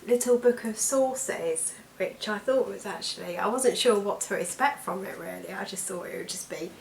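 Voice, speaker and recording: A British woman with a croaky, allergy-affected voice, chatting casually to camera as a weight loss vlogger. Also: mid-range voice, moderate pace. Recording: echoey room with background noise.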